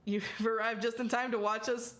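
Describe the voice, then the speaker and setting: A woman's voice: on the high side, flat delivery, moderate pace, fairly bright tone. A woman game streamer reading on-screen text aloud and giving casual, wry, sometimes sweary live commentary.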